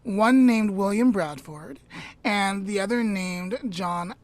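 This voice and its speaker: Speaking to her podcast co-host, a woman tells a story without hurrying, her medium-pitched, mid-range voice often fading to a soft near-whisper. She adds chatty asides and corrects herself between story beats, and the sound has no echo.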